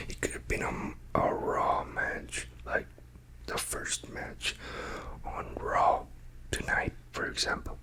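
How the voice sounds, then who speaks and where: A person whispering a casual, rambling ASMR chat, hushed and quiet as if late at night, often trailing off between thoughts. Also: low-quality recording. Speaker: ASMR creator talking to followers.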